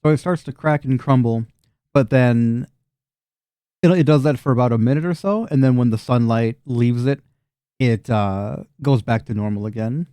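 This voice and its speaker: Casual male game master, mellow and dry. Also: medium pitch, moderate pace, smooth, no room sound. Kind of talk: casual, sweary tabletop game narration.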